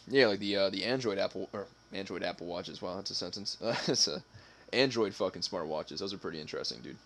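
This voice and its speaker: Man co-hosting a stream: low voice, loose profane banter, full of laughs and fillers. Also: a little fast, vocal fry, fairly bright tone. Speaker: stream co-host. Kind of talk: casual chat.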